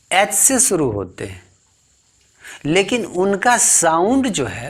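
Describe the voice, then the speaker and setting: A man with an Indian accent teaching English grammar, asking rhetorical questions and repeating words as he explains. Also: on the high side. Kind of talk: classroom lesson explanation.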